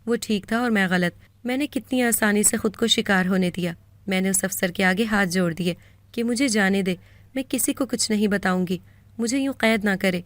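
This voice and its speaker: Told from her own perspective, this moral story comes from a woman whose Pakistani Urdu accent and medium pitch carry a steady, earnest delivery. The recording has no echo.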